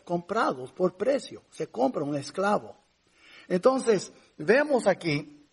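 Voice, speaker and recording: A man's voice: sits high, husky. A man preaching a conversational sermon as pastor, rising to emphatic points now and then.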